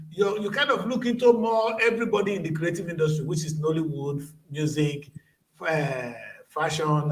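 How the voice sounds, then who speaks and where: A man with a high-pitched voice moderates a panel discussion informally. He sounds roomy and echoing, set back from the microphone. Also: a bit bright. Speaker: panel host. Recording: roomy echo, far from microphone.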